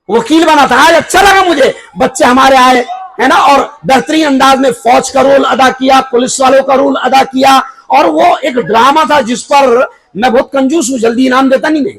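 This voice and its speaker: High-pitched, husky Indian Urdu cleric. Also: male voice, rough recording. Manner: emphatic, prods the crowd with rhetorical questions; raises voice to near shouting on key points. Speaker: cleric giving a guest talk at a school function. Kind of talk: lively parenting sermon to an audience. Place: school event hall before an audience.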